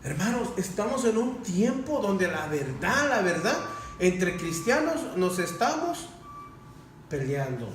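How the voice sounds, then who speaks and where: A man preaching a sermon as pastor, animated, asking rhetorical questions and rising to loud emphatic passages. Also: sits high, slow pace. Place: church hall. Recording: very echoey hall, mic far off, faint noise.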